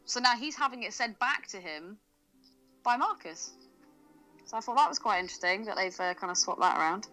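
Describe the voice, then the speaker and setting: Woman, podcast co-host, animated pitch, bright tone, chatty with frequent laughs. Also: a little fast, rough recording. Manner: chatty, laughs often, thinks aloud with fillers. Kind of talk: casual film discussion. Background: faint music.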